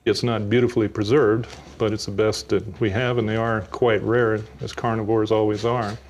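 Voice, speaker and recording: A man's voice: lowish voice, little pitch movement, moderate pace, a little mellow, muffled recording. A man speaking as an expert in a documentary interview, plain and matter-of-fact.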